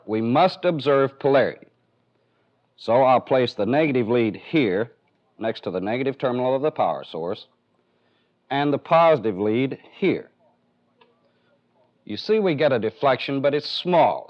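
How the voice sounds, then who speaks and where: On a dull, band-limited soundtrack from a 1970s training film, a man with an American accent gives a careful, step-by-step technical demonstration. He explains things plainly and methodically, at a moderate pace, with medium pitch and lively intonation.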